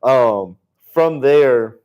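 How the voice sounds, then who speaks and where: A man in his twenties co-hosting a livestream, giving business advice in casual, energetic talk and calling people bro. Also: mid-range voice, drawn-out words, clean tone, highs cut off. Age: 20s. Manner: energetic, slangy, calls listeners bro. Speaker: livestream co-host.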